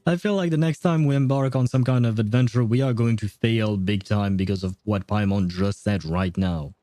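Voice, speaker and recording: At a moderate pace, a man with a low, dark-toned voice streams a story game, giving casual live commentary that wanders, jokes, and laughs at his own expense. Faint music sits behind him.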